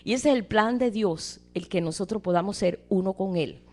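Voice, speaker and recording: A woman preaching a sermon with animated delivery, often repeating words and calling listeners brother. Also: medium pitch, moderate pace. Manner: animated, acts out quoted voices, addresses listeners as brother.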